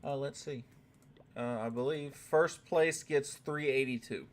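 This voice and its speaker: A man's voice: mid-range voice, measured pace. An American man chatting casually on a gaming live stream, reading chat aloud and tossing in a lot of "right?". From United States. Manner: laid-back, reads chat aloud, tag questions like "right?".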